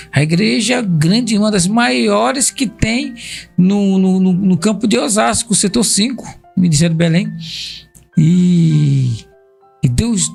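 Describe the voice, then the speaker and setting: A man's voice: sits high, gravelly, slightly rough. A middle-aged man with a Brazilian Portuguese accent, a guest pastor telling testimonies on a podcast and repeating phrases for emphasis.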